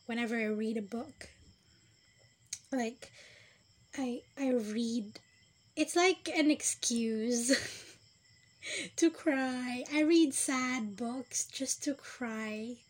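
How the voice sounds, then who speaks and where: A young woman hosting her own podcast, chatting casually and rambling in a self-deprecating way, sometimes dropping to a whisper. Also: fairly high pitch. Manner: rambling, self-deprecating, drifting between whispers and louder bursts. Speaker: podcast host. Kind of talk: casual solo podcast chat.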